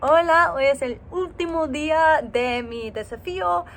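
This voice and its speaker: A tired woman who is a native English speaker with an American accent, recording a casual video diary in a learner's slow, careful Spanish, searching for words and laughing at herself. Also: high voice, a bit bright, faint music behind.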